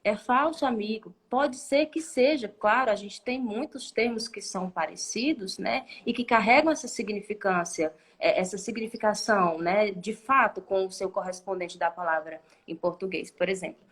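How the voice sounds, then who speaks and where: A woman teacher speaks at a middle pitch and explains ideas patiently during a live online class. She keeps checking in with her listener through a questioning "né?" and sometimes restarts her sentences while she thinks aloud. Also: moderate pace, few pauses. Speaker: Spanish teacher.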